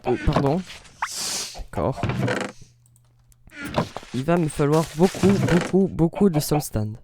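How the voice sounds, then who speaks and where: A gaming host chats his way through a survival game, wandering off topic and cutting himself off with jokey asides. His voice sits fairly high for a man. The recording carries clear background noise. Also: lively intonation, slow pace. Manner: rambling, self-interrupting, jokey asides. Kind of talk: casual let's play commentary.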